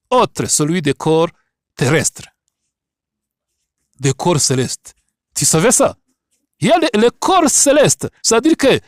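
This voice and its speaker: A male Bible teacher speaks French as a second language with a foreign accent. His voice is fairly high and swings widely in pitch, captured dry and close. He preaches emphatically, repeating key phrases and putting questions to his listeners. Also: dry recording. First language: not French. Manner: emphatic, repetitive, didactic.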